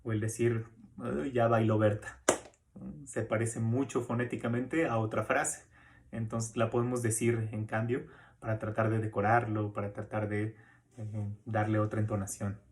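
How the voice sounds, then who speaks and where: A man talks through a recorded course lecture, his voice sitting on the low side. He explains in a loose, conversational way, dropping in small tag questions and fillers as he goes. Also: flat delivery, normal speed. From Mexico. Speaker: university lecturer.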